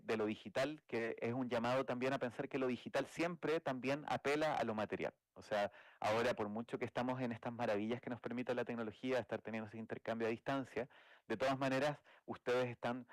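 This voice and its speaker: A man's voice: medium pitch, no room sound, low-quality recording. A man from Chile, speaking, giving a thoughtful academic talk as a game designer, with frequent restarts and "eh" fillers. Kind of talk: academic lecture.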